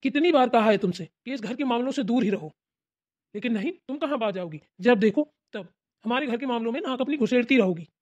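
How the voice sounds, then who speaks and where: A woman's voice: fairly high pitch, lively intonation, fairly quick, a little mellow. A woman voicing a stern adult man, an elder brother and husband, who lectures and nags, in a cartoon. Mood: scolding. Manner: lecturing, nagging with repeated "hmm?". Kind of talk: cartoon voice acting. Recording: dull lo-fi recording.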